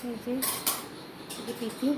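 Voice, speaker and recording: A weary, unwell woman, speaking slowly and quietly in a casual cooking vlog from her home kitchen. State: tired and unwell. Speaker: vlogger. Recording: loud background noise.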